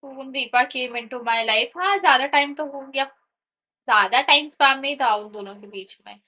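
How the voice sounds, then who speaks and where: A woman's voice: high voice, rapid-fire, sharp tone. A woman streamer from India with an Indian accent, chatting casually and mixing Hindi and English on a live game stream. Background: game audio.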